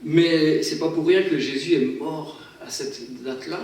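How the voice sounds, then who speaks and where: A man's voice: a little high, a little slow, a little mellow. A man introducing a song at a church, chatty and often repeating words as he restarts his sentences. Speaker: guest singer at a church. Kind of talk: casual spoken introduction to a song. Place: church hall. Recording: very echoey hall, from far off, faint noise.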